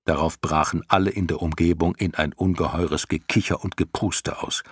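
A man reading a story aloud, expressive and varied as he tells it. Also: deep voice, moderate pace, breathy edge, no room sound, studio quality. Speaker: narrator. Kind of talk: audiobook reading.

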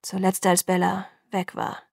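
A woman's voice: fairly low pitch, monotone, unhurried, creaky, a little mellow, no echo, clean studio sound. A woman reading a hostile young man. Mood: tense.

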